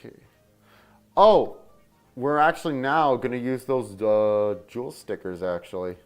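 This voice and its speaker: A man's voice: medium pitch, unhurried, clear, resonant tone, soft background music. A man hosting a casual livestream, mumbling asides to himself as he works through a build. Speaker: host building a model kit on stream.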